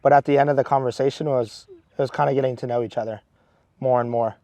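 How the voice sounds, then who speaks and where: A man's voice: medium pitch, steady tone, quick pace, mellow, no room sound. A man in his twenties from Maryland, a seminarian earnestly telling a story with many restarts. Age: 20s. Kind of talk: casual storytelling.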